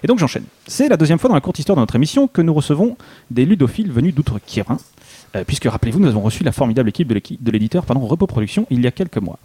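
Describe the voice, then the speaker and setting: A man's voice: medium pitch, big pitch swings, rapid-fire, dark tone, husky. A man co-hosting a radio show, reading a mock-solemn, ironic introduction. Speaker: co-host. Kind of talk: scripted humorous introduction.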